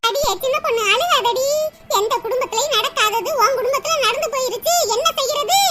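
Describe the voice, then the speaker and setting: A woman's voice: extremely high pitch, fairly quick, bright, forceful tone. A woman voicing an older village mother in a cartoon who lectures and scolds her daughter at length. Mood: lecturing. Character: chatty older village mother giving advice. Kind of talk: cartoon voice acting. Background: music.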